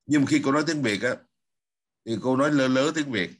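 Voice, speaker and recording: A man's voice: medium pitch, brisk. A man hosting a casual political talk, emphatic and asking himself questions he then answers. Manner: emphatic, asks and answers his own questions.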